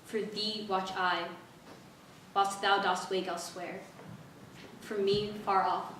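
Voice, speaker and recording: A woman recites a sonnet in a dramatic, forceful bright voice. The hall around her is very echoey, with clear background noise. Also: medium pitch, level tone, slow pace. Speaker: recitation contestant.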